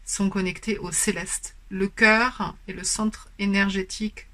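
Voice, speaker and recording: Woman tarot reader, slow and gentle, lots of hesitant pauses, mid pitch, talks to a camera on a stand. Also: fairly even intonation. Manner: hesitant, many filler pauses; gentle, explanatory. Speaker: tarot and oracle card reader. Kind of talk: spoken card-reading guidance.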